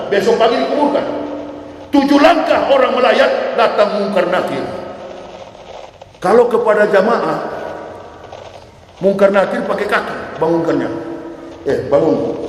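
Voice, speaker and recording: A male preacher giving a lively, joking sermon that keeps breaking into shouts, in a mosque. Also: sits high. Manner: animated, joking, bursts into shouts. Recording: echoey hall with long reverb, faint noise.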